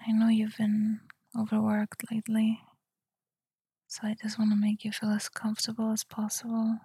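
A woman whispering softly in a tender, soothing ASMR roleplay, speaking close to the mic. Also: on the high side, monotone, no echo. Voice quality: breathy whisper. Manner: soft, tender and soothing, slow murmurs. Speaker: girlfriend roleplayer.

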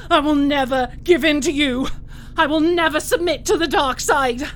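A woman playing a wounded, proud but frightened captive warrior-monk in a dramatic audio role-play, stammering and breathy as she protests. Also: high-pitched, slight background noise, close to an everyday voice. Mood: defiant. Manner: halting, stammering, pleading and protesting.

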